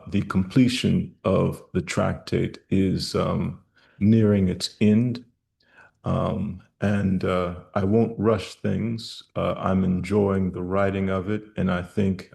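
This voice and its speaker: A man with a very deep, heavily gravelly voice hosts a live stream question-and-answer session. He speaks slowly and formally, choosing elaborate words. His pitch stays flat and even. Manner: formal, measured, elaborate vocabulary. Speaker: host of a health live stream.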